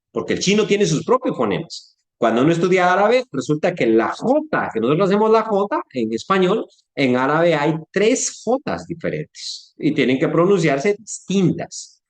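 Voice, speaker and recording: A man's voice: on the high side, echoey room. A man with a Latin American Spanish accent teaching an informal church class, putting questions to his listeners and acting out speech sounds. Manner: conversational, asks the audience questions, acts out sounds. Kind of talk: informal Bible-class lecture.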